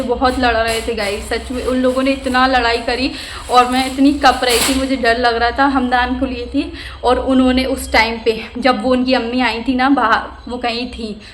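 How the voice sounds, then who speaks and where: High-voiced woman telling an indignant story. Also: fairly bright tone, slight background noise. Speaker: vlogger. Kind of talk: storytime vlog.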